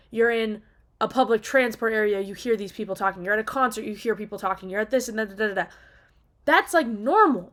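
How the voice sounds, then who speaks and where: A video diarist with a slightly high, fairly bright voice goes on an off-the-cuff rant, casual, opinionated and emphatic. She sounds exasperated and swears casually.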